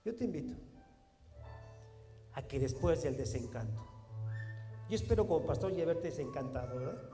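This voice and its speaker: Pastor, high voice, lively preaching; church hall reverb, soft music under. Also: male voice, normal speed. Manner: animated, preaching with rising emphatic phrases and acted quotes. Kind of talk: sermon.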